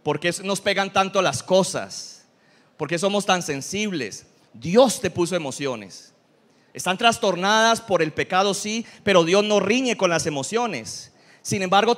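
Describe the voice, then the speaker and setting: A pastor gives a lively sermon that blends humor with sincere teaching, his voice pitched notably high for a man. He holds the congregation's attention by asking them questions and cracking jokes.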